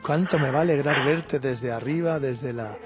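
A man's voice: mid-range voice, normal speed, faint music behind. A man, a pastor hosting a radio interview, encouraging his guest.

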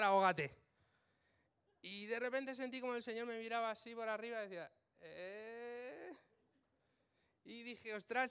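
A man preaches in an easy, conversational way, often checking in with his listeners as he talks. His voice sits a little high for a man and comes through smooth and clear. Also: a bit bright. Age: adult with children. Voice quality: colloquial, uses "vale" often. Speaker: church speaker. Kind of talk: informal sermon.

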